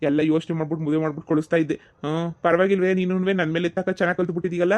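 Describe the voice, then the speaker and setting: A man's voice: fairly high pitch, flat delivery, rapid-fire, darkish tone, lightly acted. A man playing a teasing village brother in a comedy skit. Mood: defensive. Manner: teasing, mocking sing-song. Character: mocking village brother, young adult man.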